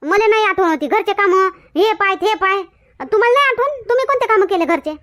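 A woman's voice: very high voice, animated, a little fast, a bit bright. A woman acting in a village comedy skit, talking in a scolding, chatty way. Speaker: comedy sketch actor.

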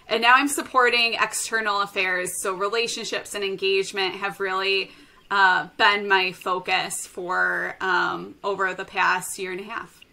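Bright-voiced woman with a Chicago accent. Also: mid-range voice, flat delivery, measured pace, creaky. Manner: friendly, conversational, many fillers. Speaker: guest from an industry association. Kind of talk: interview answers.

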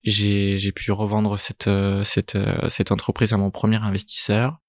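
Man in his thirties, halting. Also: lowish voice, monotone, dry recording, studio quality. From Italy. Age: 30s. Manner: hesitant, many fillers and repeated words. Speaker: guest, startup co-founder. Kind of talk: casual interview answers.

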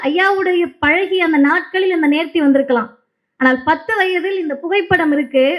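A woman's voice: very high voice, fairly bright tone, rough recording. A woman giving an impassioned, emphatic stage speech to a crowd, repeating key lines. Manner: impassioned, emphatic oratory with repetitions. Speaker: public speaker.

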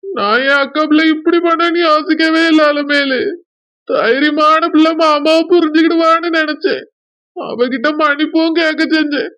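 A woman's voice: high voice, moderate pace, fairly bright tone, no room sound. A woman voicing a young village husband with a Kanyakumari accent, pleading and blaming himself in a village drama. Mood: grieving. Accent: Kanyakumari Tamil. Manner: pleading, self-blaming lament. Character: young village man, remorseful, tender to wife.

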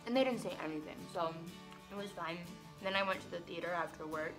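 A young woman, a vlogger and stage actress, chats casually while doing her makeup, rambling and filling her speech with "like." Her voice is lowish and brisk, and music plays under it.

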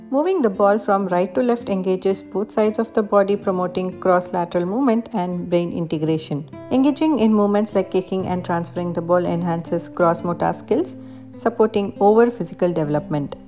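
A woman's voice: mid-range voice, brisk. A woman reading a scripted voice-over that explains activities step by step. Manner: even, explanatory reading of benefits. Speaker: narrator of a parenting activity video. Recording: voice-over with faint guitar music.

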